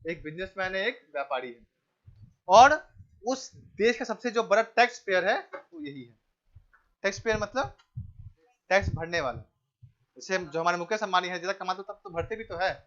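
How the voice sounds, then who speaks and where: Male teacher, lecturing a class, quizzing and repeating key words, high voice, dull lo-fi recording. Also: expressive, normal speed, long pauses. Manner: asks the class questions and answers them himself, repeats key words; tells the class to keep quiet and pay attention.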